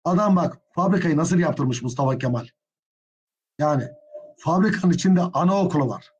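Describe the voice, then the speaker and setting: Husky-voiced man teaching history. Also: a little high, expressive, moderate pace, lo-fi sound. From Turkey. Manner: addresses students as friends, gets openly indignant. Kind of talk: exam prep history lecture.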